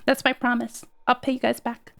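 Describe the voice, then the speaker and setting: High-voiced, gravelly young woman streamer. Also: level tone, fairly quick, fairly bright tone, no room sound. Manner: rambling, laughs often, swears casually. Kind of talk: casual livestream chat.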